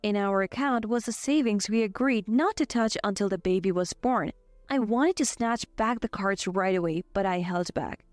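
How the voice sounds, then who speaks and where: A woman in her twenties narrating a scripted first-person story with an even, steady delivery. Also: medium pitch, moderate pace, no echo, soft background music. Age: 20s.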